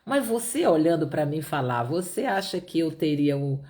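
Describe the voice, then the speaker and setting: Her deep, slightly mellow voice moves with lively intonation at a moderate pace. She's a middle-aged woman from Piauí in Brazil's Northeast with a Pará accent, teaching a Bible proverb in a chatty style, repeating herself and asking listeners "né?".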